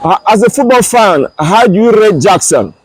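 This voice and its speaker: A high-pitched male interviewer questions football fans in a casual style. His delivery is halting, and he often starts a question again. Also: expressive.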